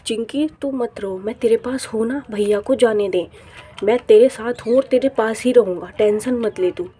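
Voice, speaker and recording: A woman's voice: fairly high pitch, normal speed, warm tone, breathy edge. A woman voicing a cheerful young boy in a toy play story, talking eagerly and comfortingly. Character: cheerful young boy, loyal best friend.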